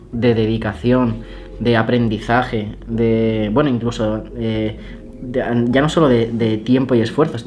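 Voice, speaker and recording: A young man talks casually and excitedly, gushing and swearing in awe as he pages through an illustration book. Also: mid-range voice, slight background noise. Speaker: illustrator and YouTuber. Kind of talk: casual vlog, flipping through an art book.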